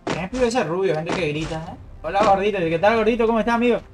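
A man giving excited live commentary on his gameplay, calling out to teammates and his chat as he plays. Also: high voice, fast talker, over music. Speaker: gaming streamer.

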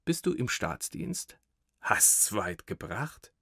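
A man voicing a hearty, well-fed old friend in an audiobook, calling out with booming delight. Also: sing-song, slow, gravelly, sharp tone, slightly rough, dry recording, clean studio sound, exaggerated voice. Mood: curious. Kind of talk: audiobook character reading.

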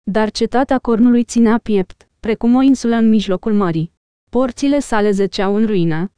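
Woman reading an audiobook, mellow clear voice. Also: on the high side, dry recording, studio quality. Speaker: audiobook reader. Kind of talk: scripted narration.

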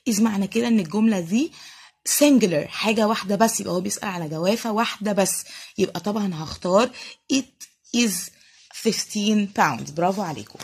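A husky-voiced woman with an Egyptian Arabic accent takes young pupils through a lesson. She draws out each English word slowly and explains in a patient, teacherly way. Her voice sits at an ordinary middle pitch. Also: a little mellow. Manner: slow, drawn-out spelling of English words for young pupils. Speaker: primary school English teacher. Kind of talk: recorded classroom lesson.

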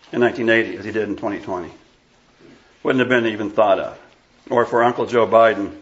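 A man's voice: mid-range voice, fairly bright tone, lo-fi sound. A pastor in his sixties from Iowa, preaching an emphatic, scornful sermon and bantering with the congregation. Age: 60s. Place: church sanctuary.

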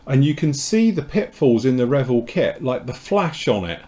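A man's voice: medium pitch, sing-song, moderate pace, warm tone. A man hosting a casual live show about model kits, talking in a loose, rambling, chatty way as he explains things. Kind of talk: casual live-stream chat.

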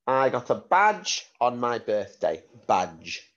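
A man reads out a school spelling dictation at a slow, careful pace. His mid-pitched voice is very lively in intonation as he repeats and spells out words like a primary teacher. The recording is slightly dull and lo-fi. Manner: deliberate, repeats words and spells them out letter by letter.

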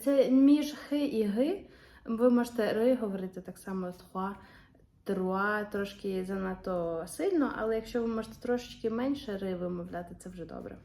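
A woman's voice: medium pitch, brisk, vocal fry, warm tone. A young woman teaching beginners French in a patient, careful way, saying each word twice. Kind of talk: patient classroom explanation. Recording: roomy echo.

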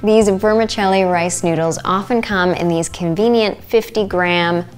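A woman's voice: mid-range voice, moderate pace, slight background noise. A woman in her thirties hosting a cooking show, explaining a recipe in an upbeat way while she cooks in a home kitchen, recorded on a lapel mic. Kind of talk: recipe demonstration. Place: home kitchen set, indoors. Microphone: small lapel mic.

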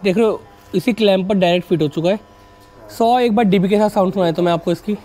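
A twenty-something man hosts a motorcycle vlog, chatting fast in a warm, high-pitched voice. He's casual, treating his audience as buddies and mixing English words into what he says. The recording comes from a wired lavalier on a narrow outdoor residential street.

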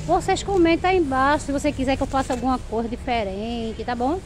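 A woman's voice: high-pitched, fast. A middle-aged woman, chatting to viewers while shopping and walking through a market, filmed on a handheld phone. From Brazil. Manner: chatty, addresses viewers directly. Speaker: vlogger. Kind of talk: casual vlog commentary. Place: supermarket, then busy outdoor street market. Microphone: phone held at arm's length. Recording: busy crowd noise behind.

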